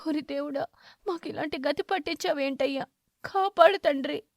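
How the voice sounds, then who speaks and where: Woman doing earnest mother sparrow, higher voice, cartoon tale. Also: moderate pace, no echo, clean studio sound. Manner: earnest and pleading. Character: poor mother sparrow, worried and devoted.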